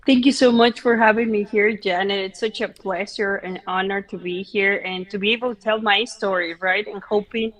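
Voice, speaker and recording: A woman's voice: mid-range voice, steady tone, moderate pace, hardly any pauses, low-quality recording. A native Spanish-speaking woman from Mexico with an immigrant's Mexican accent, telling her story conversationally as an interview guest and often checking for agreement with short tag questions. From Mexico City, Mexico. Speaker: interview guest giving testimony.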